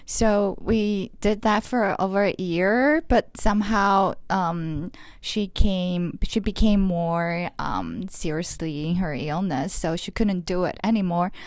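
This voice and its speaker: A middle-aged woman from Los Angeles answers interview questions in a soft, lowish voice. She pauses often and hesitates as she finds her words. The sound is dry and close to the mic. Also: no echo. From Los Angeles, USA. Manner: hesitant, many ums, soft-spoken. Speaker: guest artist. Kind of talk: casual interview.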